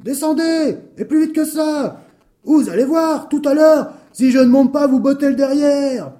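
Guy doing a raging village cop yelling, pitched way up, bossy. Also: unhurried. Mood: furious. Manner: shouting, bullying. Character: furious male rural policeman yelling orders.

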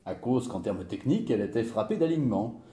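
A man's voice: medium pitch, lively intonation, fast talker, mellow, roomy sound, natural voice. A man playing a wry, pedantic friend who teases and lectures with a mocking, knowing manner. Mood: lecturing. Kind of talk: stage comedy dialogue.

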